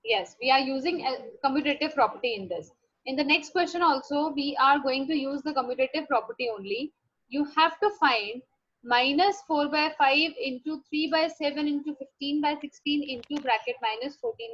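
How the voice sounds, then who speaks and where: A woman with a North Indian accent teaches maths in a live online class, mixing Hindi and English and often asking questions to check her students follow. Her voice is high-pitched and fairly bright at normal speed, and the lo-fi audio sounds dull.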